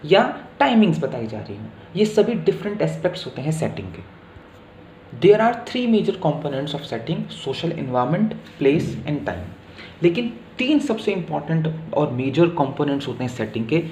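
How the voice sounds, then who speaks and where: A man teaching literature, reading English definitions slowly and then explaining them in casual Hindi. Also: a little high, big pitch swings, a little mellow, echoey room, slight background noise. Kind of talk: lecture explaining literary terms.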